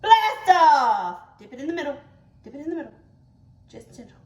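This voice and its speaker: A woman hosting an educational kids' demonstration, talking in an excited, encouraging way to a young child, with exclamations. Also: high voice, normal speed. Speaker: host of a family kids' science show. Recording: echoey room.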